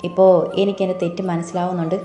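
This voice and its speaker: A woman's voice: lowish voice, level tone, very fast, natural voice. A woman voicing a sad, pleading young woman apologizing on the phone. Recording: echoey room, soft music behind.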